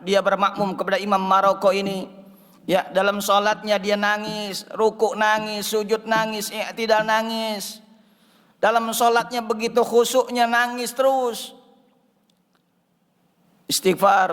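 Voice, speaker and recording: A man's voice: high voice, a bit bright. A male preacher in a mosque telling a sermon story dramatically, with repeated phrases for emphasis. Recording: reverberant mosque hall.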